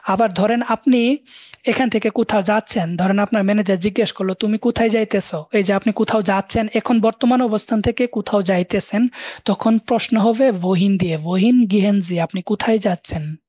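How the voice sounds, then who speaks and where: A man teaching German in a live online class, repeating and slowly spelling out words. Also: high-pitched, a little mellow, no room sound. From Bangladesh.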